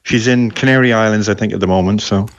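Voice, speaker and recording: A man's voice: fairly low pitch, fairly even intonation, quick pace, highs cut off. A middle-aged man from the west of Ireland with an Irish accent, chatting casually as a guest on a radio phone-in. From Galway, west of Ireland. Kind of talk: casual interview chat.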